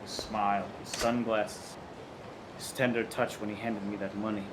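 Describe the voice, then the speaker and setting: A man's voice: fairly low pitch, flat delivery, moderate pace, crowd noise, low-quality recording. A man giving casual, wry and joking commentary as he co-hosts a video game let's play. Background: video game music.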